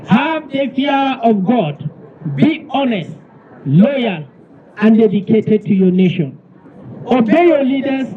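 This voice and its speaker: A man's voice: very high voice, phone-quality sound. A man with a Nigerian accent, a government official, reading out a formal ceremonial speech.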